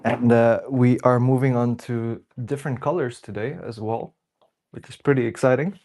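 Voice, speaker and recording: A young man with the sniffles hosts a casual livestream while he works, chatting away and greeting viewers by name as they arrive. His voice is medium in pitch and darkish, with a steady tone and moderate pace.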